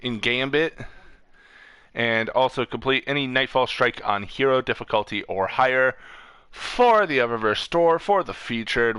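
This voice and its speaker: A man with a mid-range, sharp, clean voice and no room sound hosts a casual gaming stream. He reads off lists informally, stumbling over words and correcting himself as he goes.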